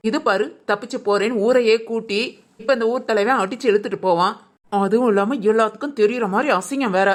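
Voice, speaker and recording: A woman's voice: fairly high pitch, fairly quick, lightly acted. A woman voicing a spiteful, gossiping village woman in a cartoon drama. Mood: sneering. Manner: sneering, gossipy.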